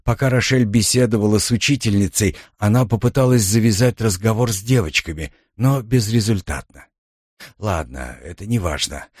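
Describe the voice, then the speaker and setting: A man reading a novel aloud as an audiobook narrator, steady and measured. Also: on the low side, breathy edge, no room sound, studio quality. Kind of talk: scripted narration.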